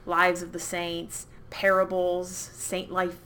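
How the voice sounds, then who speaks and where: A woman co-hosting a podcast, chatting enthusiastically with quick asides. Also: fairly low pitch, completely flat delivery, sharp tone. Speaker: podcast co-host. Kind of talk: casual chat.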